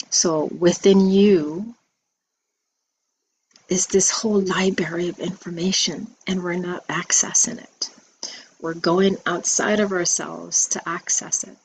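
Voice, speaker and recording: Slow, low-voiced woman giving a spiritual talk. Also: slight background noise, low-quality recording. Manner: slow, soft-spoken, reflective with many ums. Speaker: spiritual teacher. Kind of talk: spiritual message video.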